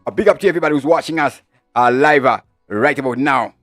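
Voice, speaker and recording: A man with a Zimbabwean accent hosting a live-streamed political commentary show, talking through the news with many filler "uh"s and shout-outs to viewers. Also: medium pitch, fast talker, music in the background. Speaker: host of a live online news channel.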